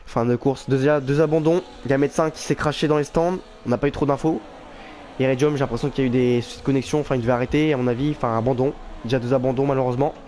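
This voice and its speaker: A man's voice: medium pitch, steady tone, very fast. A man doing informal live motorsport commentary on an online race, reacting with exclamations and thinking aloud. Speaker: motorsport commentator for an online sim racing league. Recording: clear background noise.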